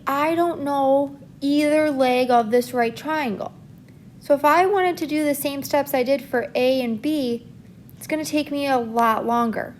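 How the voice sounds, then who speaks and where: A woman's voice: sits high, a little mellow, slight background noise. A woman teacher working through a math problem in a recorded lesson, explaining each step steadily as she writes.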